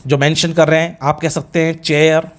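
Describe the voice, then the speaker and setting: A middle-aged man with an Indian accent teaching a grammar lesson in a classroom, drilling example sentences slowly and deliberately as he mixes Hindi and English. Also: fairly high pitch, level tone. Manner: switches between Hindi and English.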